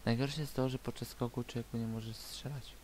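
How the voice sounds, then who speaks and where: A man's voice: mid-range voice, fairly even intonation, fairly quick, darkish tone. A man chatting casually with plenty of swearing as he plays a video game. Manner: crude, swearing. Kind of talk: casual gaming chat. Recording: hissy, noisy voice chat.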